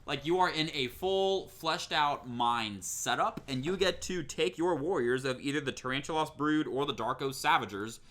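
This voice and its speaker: A man casually presenting tabletop wargame products, animated and often laughing between points. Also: a little high, normal speed, hardly any pauses. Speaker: co-host.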